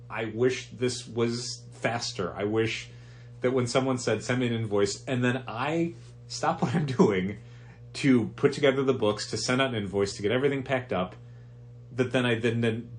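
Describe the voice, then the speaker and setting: A man's voice: on the low side, slight background noise. A man co-hosting a comic shop podcast, explaining at length with restarts, his voice stuffy from allergies. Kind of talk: casual chat.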